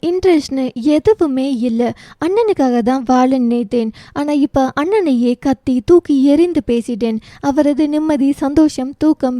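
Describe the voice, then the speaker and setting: A woman's voice: high-pitched, dry recording, clean studio sound, lightly acted. A woman voicing a troubled, withdrawn young college woman in a storybook reading. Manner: pleading, then shouting in anger.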